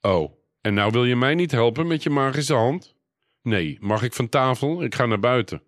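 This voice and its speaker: A man voicing a stubborn, defiant young girl in a storybook reading, with quick pert retorts. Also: mid-range voice, expressive, no room sound, studio quality, pitched above the performer's own voice, close to an everyday voice.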